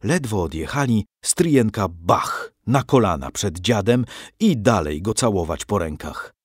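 Male storybook narrator, low and very animated, dry close recording. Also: a little slow, no echo. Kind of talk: storybook reading.

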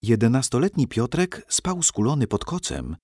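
A man narrating a storybook in a measured, expressive reading. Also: medium pitch, breathy edge, no echo, clean studio sound.

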